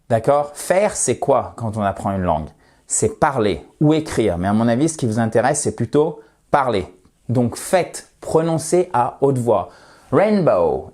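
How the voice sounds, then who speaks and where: A man who speaks natively, teaching an English lesson online, lively and talking straight to his viewers, checking in with them often. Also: mid-range voice.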